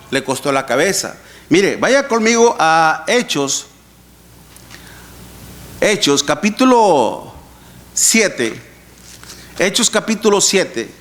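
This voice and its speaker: A man's voice: a little high, fairly bright tone. A man preaching an earnest sermon, repeating scripture references and addressing the congregation directly. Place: church.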